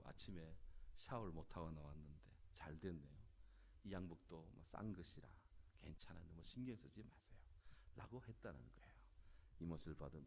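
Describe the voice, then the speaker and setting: A male pastor preaching a sermon and reading scripture, swinging from loud emphasis to near-whispers. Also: sits low.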